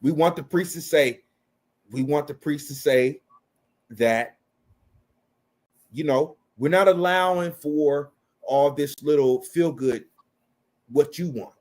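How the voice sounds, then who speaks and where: A man's voice: fairly high pitch, takes it slowly, long pauses, a little mellow. A man in his thirties delivering an impassioned opinion rant, blunt and profane, repeating phrases for emphasis.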